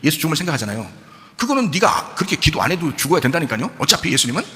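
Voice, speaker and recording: A male pastor preaching a sermon. He asks the congregation rhetorical questions, answers them himself, and swings between quiet asides and loud emphasis. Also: on the high side, very animated, racing, big-room sound. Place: church sanctuary.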